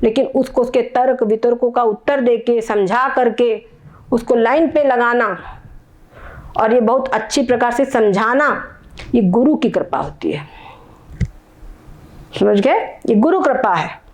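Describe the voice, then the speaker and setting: High-voiced woman giving a spiritual talk. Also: a little slow, pauses often. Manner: explains patiently, often checks "समझ गए?". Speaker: spiritual teacher. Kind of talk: spiritual discourse.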